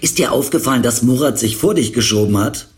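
A man's voice: mid-range voice, animated, brisk, close to an everyday voice. A man voicing a cocky young man who talks bluntly and teases his friend in slang. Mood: teasing.

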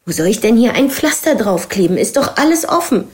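Reader doing a shrill defiant young woman, tense and raised, audiobook thriller. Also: big pitch swings, brisk. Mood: indignant.

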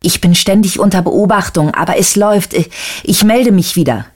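A man's voice: high-pitched, normal speed. A reader voicing a male undercover agent who talks tersely and urgently over a crackling phone line, in an audiobook.

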